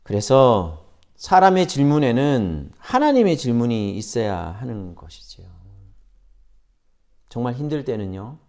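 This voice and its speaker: A man preaching a church sermon, pausing for effect and acting out quoted questions. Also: mid-range voice, sing-song, darkish tone. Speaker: pastor. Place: church sanctuary.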